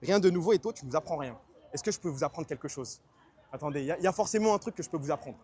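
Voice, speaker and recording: A man streaming casually, chatting fast in slang and answering his chat. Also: fairly high pitch, animated, dark tone. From France.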